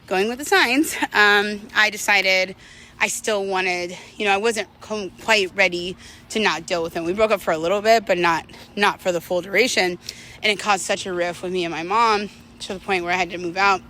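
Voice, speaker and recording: A woman vlogger tells personal stories in a casual, candid, reflective monologue peppered with conversational slang. Her medium-pitched voice is bright and forceful at a normal speed.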